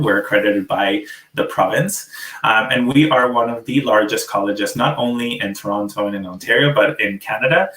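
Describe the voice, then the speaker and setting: An upbeat man from Venezuela presents as a student recruiter, fluent but with the odd filler. His voice sits fairly low. The audio is roomy and sounds distant from the mic. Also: fairly bright tone. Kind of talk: webinar presentation.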